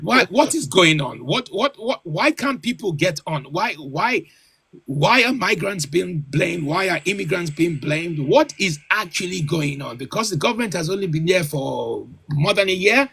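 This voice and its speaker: Gravelly husky man hosting a live stream. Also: high-pitched, lively intonation, moderate pace, pushed and bright, no room sound. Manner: repeats words, probing questions, friendly. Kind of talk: casual live stream chat with callers.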